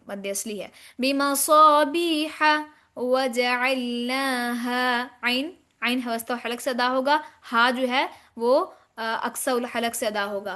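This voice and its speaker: A woman teaching Quranic recitation rules, explaining step by step and demonstrating words in slow drawn-out chanting. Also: on the high side, a bit bright. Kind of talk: tajweed lesson.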